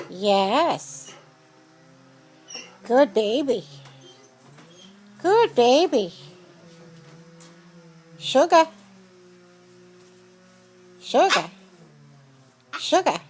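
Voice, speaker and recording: Woman cooing in high sing-song baby talk. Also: big pitch swings, very slow, long pauses, darkish tone, soft background music. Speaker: pet owner talking to her bird.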